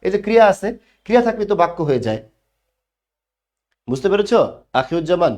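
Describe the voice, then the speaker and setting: Casting note: male teacher, explanatory, pitch a touch high. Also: sing-song, fast, a little mellow. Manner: explanatory, asks questions and answers them himself. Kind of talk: online class lecture.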